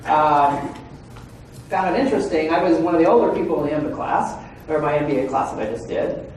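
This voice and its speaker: A man gives a conversational lecture at a legal training seminar in a large, echoey hall full of listeners, checking in often with "right?" and "okay?". He speaks briskly in a slightly high voice with a darkish tone. He's far from the mic, with slight background noise.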